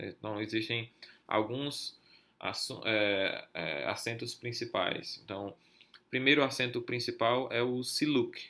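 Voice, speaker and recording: Low gravelly man teaching, "certo?" tags. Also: sharp tone. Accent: Brazilian Portuguese. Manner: many filler "é" and "certo?" tags. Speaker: podcast teacher. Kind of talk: explaining Hebrew accents over a text.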